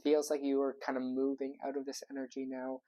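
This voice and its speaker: A man's voice: medium pitch, monotone, brisk, mellow, dull audio. A man giving a casual tarot reading into a wearable mic, talking in a loose, rambling way with lots of ums and likes. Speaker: tarot reader.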